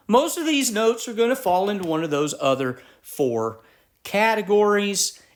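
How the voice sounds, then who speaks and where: A middle-aged man teaching jazz articulation, explaining step by step in a methodical way with frequent restarts. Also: fairly high pitch. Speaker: music teacher. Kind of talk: instructional lesson.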